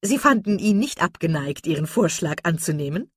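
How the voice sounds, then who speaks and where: A woman voicing a talkative, gossipy older matchmaking lady in an audiobook, with loud, excited exclamations. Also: on the low side, normal speed, breathy edge, no echo, studio quality. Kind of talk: audiobook character reading.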